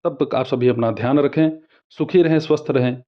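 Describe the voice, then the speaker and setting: A man teaching a devotional practice, reciting Sanskrit mantras slowly and evenly between plain Hindi explanations. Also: mid-range voice, lo-fi sound. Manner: slow measured chanting of Sanskrit verses. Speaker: spiritual teacher.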